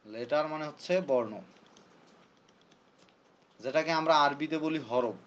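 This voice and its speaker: A man's voice: mid-range voice, unhurried, a bit bright, muffled recording. A man teaching a classroom lesson who repeats his points and quizzes his students. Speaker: English teacher. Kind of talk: classroom lecture.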